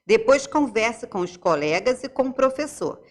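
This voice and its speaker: Lively Brazilian teacher explaining to children. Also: female voice, on the high side. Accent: Brazilian Portuguese. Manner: explains slowly, asks checking questions to pupils. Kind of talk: remote classroom lesson.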